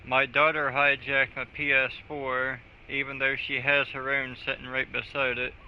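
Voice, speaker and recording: Chatting casually while streaming a video game, this man cracks crude, offhand jokes in a medium-pitched voice with flat delivery at a normal speed. His dull lo-fi mic picks up a little hiss or hum along with the game music.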